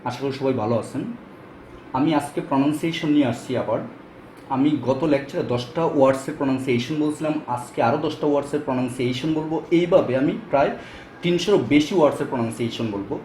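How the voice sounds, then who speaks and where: In a casual spoken lesson, a man teaches English pronunciation step by step, using lots of fillers. He talks fast in a mid-range voice that's a little mellow. The room is echoey with faint ambience and slight background noise.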